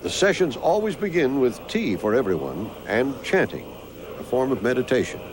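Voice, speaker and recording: Male documentary narrator with animated intonation. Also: medium pitch, moderate pace, very noisy. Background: music.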